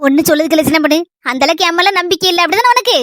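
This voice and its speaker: Very high, chattering Kanyakumari woman. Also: expressive, rapid-fire, fairly bright tone, no echo, studio quality. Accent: Kanyakumari Tamil. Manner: chattering, blurts everything out, playful stammer. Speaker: comedy skit performer. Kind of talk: comic village skit.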